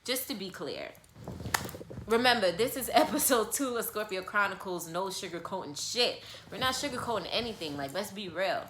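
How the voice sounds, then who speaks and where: A woman's voice: mid-range voice, expressive, normal speed, noisy background. A young adult woman talking candidly and bluntly in a personal vlog monologue, repeating herself for emphasis and swearing casually. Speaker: vlogger. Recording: echoey room.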